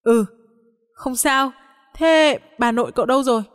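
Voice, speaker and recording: A woman voicing a pushy, cheerful young man, talking quickly and insistently. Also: high-pitched, clean tone, long reverb tail, natural voice. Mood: friendly. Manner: insistent, quick teasing talk.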